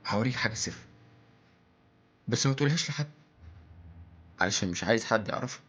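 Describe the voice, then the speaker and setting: An actor playing a melancholy toy in a plaintive, hammy theatrical stage monologue, with an Egyptian accent. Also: male voice, medium pitch, expressive, fast talker, a bit bright, husky. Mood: confiding sadness. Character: melancholy male toy lamenting its lifeless painted existence.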